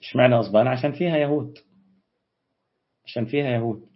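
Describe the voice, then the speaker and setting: Egyptian guy hosting a live q&a stream, rattles off answers to viewer comments, husky voice, dull lo-fi audio. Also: mid-range voice. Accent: Egyptian Arabic. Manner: brisk, reads out and answers viewer comments, quick dismissive retorts. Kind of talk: casual live Q&A on religion and history.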